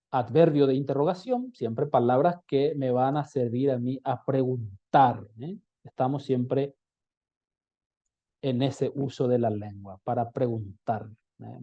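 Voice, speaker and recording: A man teaching a recorded language lesson, explaining patiently and repeating example phrases slowly. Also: mid-range voice. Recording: slightly dull lo-fi recording.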